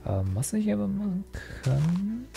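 A man's voice: sits high, sing-song, measured pace, vocal fry, warm tone. A young man commenting casually while he plays a video game, rambling and mocking himself, with many fillers and restarts. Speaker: Let's Play host.

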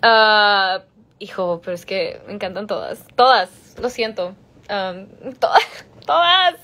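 Answering fan questions during a phone livestream, a young woman switches between Spanish and English, reading each question out loud and laughing a lot in a giggly, chatty way. Her mid-range voice is bright and forceful, and she speaks slowly.

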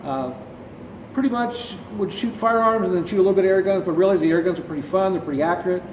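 A man's voice: high-pitched, quick pace. A middle-aged man, a company founder, answers interview questions at length in a large warehouse, filmed by a distant camera. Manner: explains at length, gesturing with his hands. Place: large warehouse with shelving, indoors. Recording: echoey warehouse, distant dull audio with background noise.

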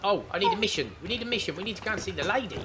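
A gaming channel host with a high, animated voice talks very fast during a casual let's-play with a child, coaxing and playfully guiding them. The background is noisy.

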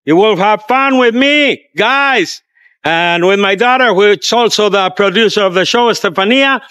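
Filming himself with a handheld camera at arm's length outdoors on city streets, an older tour guide promotes his walking tours. He talks at a moderate pace in a sharp, clear, resonant tone, tossing enthusiastic, salesy asides to viewers.

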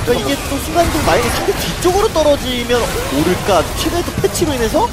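A man doing live esports color commentary, explaining the plays in an animated way. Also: extremely high pitch, quick pace, over loud music, rough recording.

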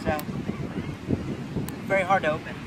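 A man's voice: a little high, steady tone, normal speed. A teenage male host eating sour candy as he talks casually to the camera outdoors on a beach, picked up by a camera a few feet away. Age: teens. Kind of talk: casual challenge vlog to camera. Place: sandy beach dunes, outdoors. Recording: windy outdoor camera mic, loud background noise. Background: loud wind and ambience.

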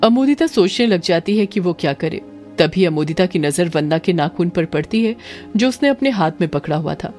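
A woman storyteller narrating a horror story in a steady, dramatic way. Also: fairly low pitch, moderate pace. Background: faint background music.

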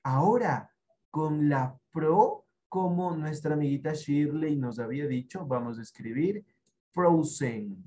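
Slow, patient Ecuadorian male teacher. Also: on the high side, animated, dark tone. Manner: patient, encouraging, repeats syllables slowly. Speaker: primary school teacher. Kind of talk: online class for young children.

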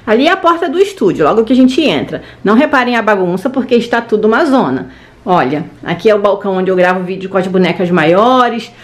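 High-voiced Brazilian woman, chatty tour vlogger. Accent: Brazilian Portuguese. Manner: chatty, informal, pointing things out as she goes. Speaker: children's toy channel vlogger. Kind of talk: casual handheld tour narration for children. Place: small indoor home studio room. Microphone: handheld camera at arm's length.

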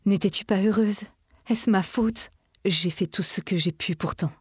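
A woman's voice: medium pitch, a little slow, a little mellow, husky, dry recording, studio quality. A woman reading aloud voices a frantic, grieving husband who pleads and cries out in panic. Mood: pleading.

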